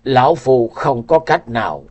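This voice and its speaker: A man voicing an old male martial arts master with a deep, powerful voice, slow and solemn. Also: expressive, darkish tone, no echo, highs cut off.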